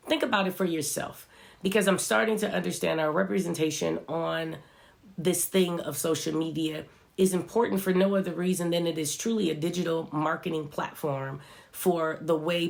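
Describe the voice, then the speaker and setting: With a cold clogging a gravelly, mid-range voice, a vlogger addresses viewers in an earnest, reflective pep talk. Fillers like "you know" and "right" pop up throughout.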